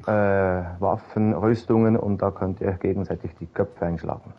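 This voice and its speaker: A man's voice: deep voice, moderate pace. A man organizing a game server event, chatting casually with fillers over voice chat while playing. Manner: relaxed, chatty, hesitant with fillers. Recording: dull lo-fi voice chat.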